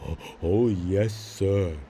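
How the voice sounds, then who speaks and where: A man playing a big, slow-witted, weary labourer in a Western video game, sighing and grumbling simply. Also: low-pitched, mellow, a little hiss or hum, heavily acted. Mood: guarded, simple. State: tired. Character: big, dim, weary cart-hauling labourer. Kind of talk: video game character acting.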